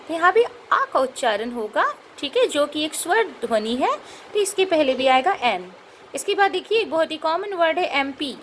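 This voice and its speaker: A woman teaching a grammar lesson. She explains patiently, checks in with rhetorical questions, and spells out and repeats sounds slowly. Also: sits high, fairly bright tone, slight background noise.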